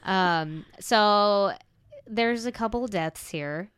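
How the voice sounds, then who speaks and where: A young woman with a light Southern accent, hosting a casual chat with quick asides and frequent laughs. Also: mid-range voice, a bit bright.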